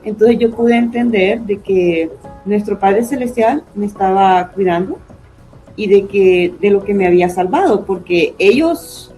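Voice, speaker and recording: Earnest woman with a mellow voice. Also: mid-range voice, unhurried, faint music behind, low-quality recording. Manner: earnest, often adds tag questions. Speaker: panelist sharing testimony. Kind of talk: personal faith testimony.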